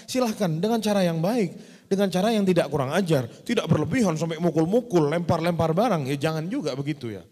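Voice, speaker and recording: Man, high voice, religious Q&A preaching, long hall reverb, direct questions to the crowd. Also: darkish tone. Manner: direct, rhetorical questions to the audience. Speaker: ustadz answering questions. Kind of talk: religious Q&A talk to a congregation.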